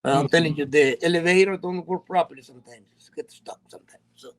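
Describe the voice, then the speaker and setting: High-voiced man telling an emphatic story. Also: fast talker, rough recording. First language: Spanish. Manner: emphatic storyteller with non-native grammar. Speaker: guest. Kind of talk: casual chat.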